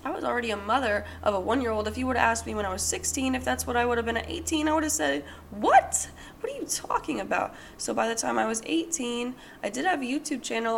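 Raspy, sick-sounding young woman podcaster. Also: a little high, a little hiss or hum. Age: 20s. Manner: chatty, rambling with many fillers. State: sick, hoarse. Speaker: podcast host. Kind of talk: casual solo podcast talk.

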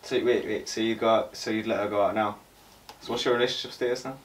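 A man's voice: fairly low pitch, fairly even intonation, quick pace, echoey room. Blunt young man asking questions. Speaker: podcast co-host. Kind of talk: casual chat. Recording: distant mic, faint noise.

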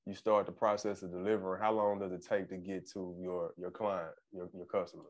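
A man interviewing a guest in a relaxed, casual way, often affirming and repeating himself. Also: sits low, fairly quick. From Arkansas, US.

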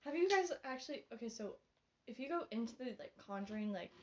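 A young woman guest on a casual podcast speaks in a high voice, excited and halting, with casual swearing. The recording sounds a bit dull. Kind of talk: casual chat.

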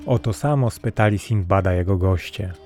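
A man reading a fairy tale as scripted storybook narration, calm and even. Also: low-pitched, moderate pace, faint music behind. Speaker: audiobook narrator.

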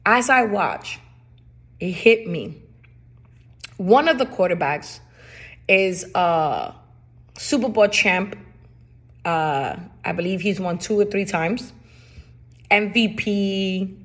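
A woman's voice: fairly low pitch, lively intonation, takes it slowly, pauses often, a bit bright. A woman with a Spanish accent hosting a podcast, talking in a casual, emphatic way and often repeating her phrases. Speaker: podcast host.

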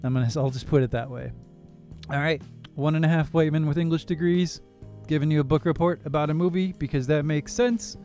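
A young man co-hosts a casual film podcast, rambling along in a laid-back, jokey way. His voice sits a little high with a dark tone, fairly even intonation, and a slightly quick pace. Faint music plays in the background.

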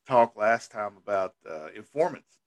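A man with a lowish voice co-hosting a casual podcast conversation. He talks in a measured, thoughtful way, and his sentences often trail off quietly. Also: expressive. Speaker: co-host.

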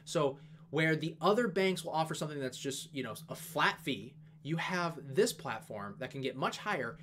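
A man talking fast and casually as he walks through an investment analysis, with plenty of fillers and asides. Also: a little high, expressive, fairly bright tone. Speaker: investing video host. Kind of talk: casual stock analysis talk.

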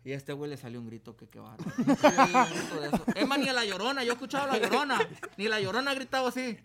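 A man's voice: extremely high pitch, quick pace, a loud crowd. Laughing young man spinning yarns. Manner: laughing storyteller, loud and animated. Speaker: podcast co-host. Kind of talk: casual chat among friends.

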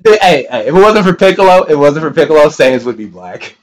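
A man's voice: on the high side, big pitch swings, fast. A man in his twenties co-hosting a podcast, chatting casually in a laid-back, slangy way and laughing often. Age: 20s. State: high on an edible. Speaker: podcast co-host. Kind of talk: casual chat.

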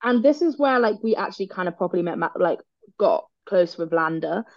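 A woman's voice: lowish voice, expressive, fairly quick, no echo, muffled recording. A woman co-hosting a casual podcast, telling travel stories, swearing casually and laughing often. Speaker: podcast co-host. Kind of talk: casual chat.

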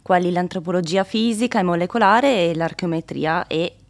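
A woman's voice: fairly low pitch, moderate pace. A young adult woman, a doctoral researcher, giving careful, technical interview answers with small hesitations.

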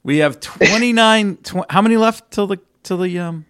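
A man's voice: high voice, normal speed. A man co-hosting a casual motorsport podcast, joking and restarting his sentences. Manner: lively, jokey, restarts a lot. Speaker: podcast co-host.

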